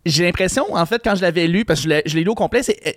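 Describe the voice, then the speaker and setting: A man's voice: sits high, very fast, dry recording, clean studio sound. A man, co-hosting a podcast and asking hesitant, apologetic questions. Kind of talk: casual podcast conversation.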